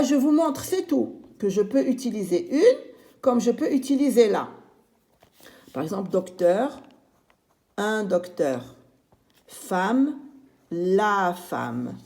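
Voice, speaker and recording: Slow, mellow-voiced woman teaching children. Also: medium pitch, big pitch swings. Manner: slow, patient, repeats and stretches each word. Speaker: primary school teacher. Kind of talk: recorded classroom lesson for young children.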